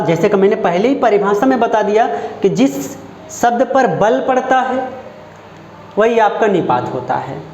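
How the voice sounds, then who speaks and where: A man with a Hindi accent from Uttar Pradesh, teaching a grammar lesson in a slow, deliberate way, repeating phrases and asking if it is clear. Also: high-pitched, darkish tone. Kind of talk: classroom lesson. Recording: echoey room with faint background noise.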